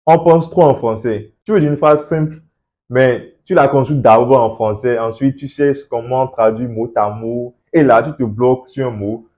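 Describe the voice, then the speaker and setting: A man talks straight to the viewer in a motivational coaching tone. He asks rhetorical questions and repeats words for emphasis. His voice sits at an ordinary middle pitch and comes through a slightly dull, lo-fi recording. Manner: encouraging, rhetorical questions, repeats words when stressing a point. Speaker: host of an English-learning channel. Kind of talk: motivational talk to camera, addressing the viewer directly.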